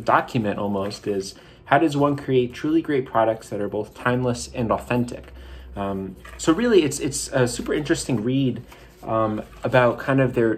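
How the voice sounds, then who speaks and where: An excited man hosts a casual review vlog, stopping often with "um" as he points out details. His voice sits at an ordinary middle pitch. Faint outdoor ambience hums behind him. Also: a little hiss or hum. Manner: enthusiastic, many "um" fillers. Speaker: YouTube host reviewing a cap. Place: outdoors, airplane overhead.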